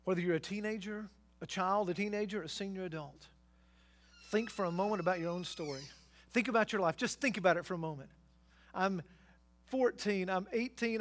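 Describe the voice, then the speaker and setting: Pastor, male, high-pitched voice; fervent sermon, swells from quiet to loud exhortation. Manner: emphatic, building to loud exhortations with rhetorical questions.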